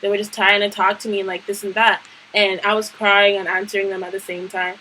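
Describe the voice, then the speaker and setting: Bright, animated young woman telling a story. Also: medium pitch, a little fast, slight background noise, poor audio. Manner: animated, emphatic, slangy storytelling. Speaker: vlogger. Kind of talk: storytime vlog.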